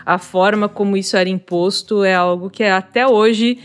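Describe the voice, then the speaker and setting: A young woman talks through her memories on a casual podcast. Her pitch sits in an ordinary middle range, and she tells the story in a calm, measured, reflective way. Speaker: podcast host.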